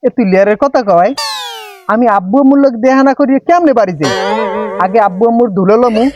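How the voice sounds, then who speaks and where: An actor playing a chatty son-in-law just back from years abroad in a comic village drama. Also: male voice, extremely high pitch, quick pace. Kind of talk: comedic village drama acting. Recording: dull lo-fi audio, faint music.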